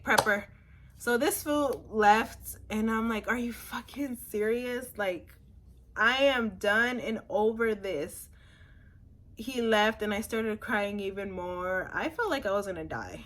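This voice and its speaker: A woman's voice: mid-range voice, a bit bright. A young woman casually telling her own story as a vlogger, blunt and swearing freely in run-on sentences.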